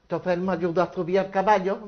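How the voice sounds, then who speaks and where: An older woman giving a personal testimony, telling her memories slowly and carefully with small restarts. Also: fairly low pitch, flat delivery. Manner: slow, measured storytelling with small restarts. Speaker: witness recounting memories. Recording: dull lo-fi recording.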